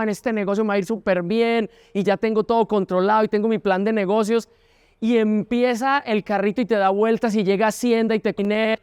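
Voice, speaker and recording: A man from Colombia gives a motivational talk in a large hall. His voice is high and smooth. He tells stories animatedly and acts out other people's lines, and the sound rings with long reverb. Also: clean studio sound. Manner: animated, acts out dialogue with shifting pitch. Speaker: university rector giving a talk.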